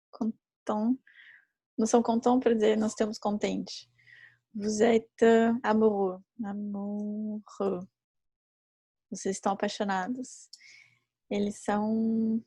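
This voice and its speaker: A woman teaching a live online class who explains patiently and repeats each example slowly. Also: a little high, mellow, husky, no room sound. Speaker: French teacher.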